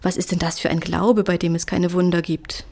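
A woman's voice: on the low side, little pitch movement, a little fast, darkish tone. Indignant male priest, as a woman reader puts him on, scornful, storybook. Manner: self-assured, scornful. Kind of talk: audiobook character voice.

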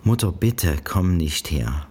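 A weary, anxious young wife in an audiobook scene, as a male reader speaks her lines. She pleads in a subdued tone, staying in the reader's own very low, husky register. The words come out quiet and defensive. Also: lively intonation, takes it slowly, full character voice. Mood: pleading subdued.

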